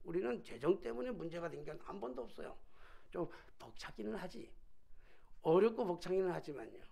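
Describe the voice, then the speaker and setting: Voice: medium pitch, big pitch swings, fairly quick, vocal fry, dark tone. A senior pastor preaching a sermon in a conversational way, full of rhetorical questions.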